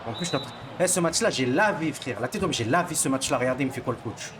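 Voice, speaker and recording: A man's voice: medium pitch, expressive, fast talker, noisy background. A young man, a gaming streamer, commentating his basketball game in casual, boastful, slangy trash talk aimed at his viewers.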